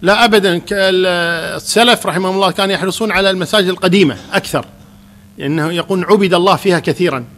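A man leads a question-and-answer religious lesson as a Quran teacher. His voice sits high for a man, and he speaks quickly. He explains in a calm, reassuring manner.

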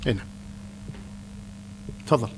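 A man, a Quran teacher calmly answering questions in a religious lesson. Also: slow pace, slight background noise.

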